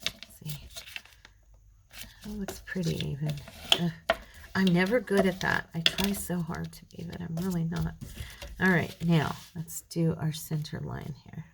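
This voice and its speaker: Amid very noisy surroundings, a tired, middle-aged craft channel host rambles to her viewers and mutters softly to herself as she works through a tutorial. Her lowish voice is creaky and gravelly, with fairly even intonation, a measured pace, and frequent pauses.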